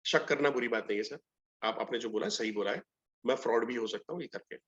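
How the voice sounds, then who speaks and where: A man's voice: mid-range voice, fast talker, lo-fi sound. A middle-aged man running a live online sales training, telling stories and acting out both sides of the dialogue. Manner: animated storytelling, acts out both sides of dialogues.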